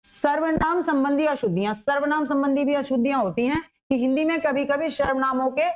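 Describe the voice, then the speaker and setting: A woman's voice: high-pitched, fairly quick, low-quality recording. A woman teacher giving an exam-prep grammar lesson, explaining patiently and asking and answering her own questions.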